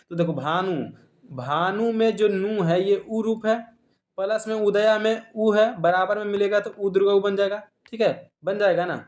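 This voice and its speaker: A man's voice: sits high, a little mellow, reverberant. A man with a Bihari Hindi accent teaching a grammar lesson online, explaining step by step and repeating each example.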